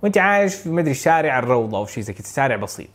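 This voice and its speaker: Male Saudi tutor, Hejazi accent, quick and energetic, casual to-camera delivery that mixes English into Arabic, mid-pitched. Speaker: IELTS speaking tutor. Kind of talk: casual instructional talk to camera.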